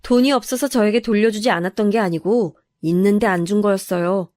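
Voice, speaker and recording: A woman's voice: mid-range voice, steady tone, brisk, a little mellow, no room sound, studio quality. A woman narrating a true first-person family story, in an aggrieved, confiding manner.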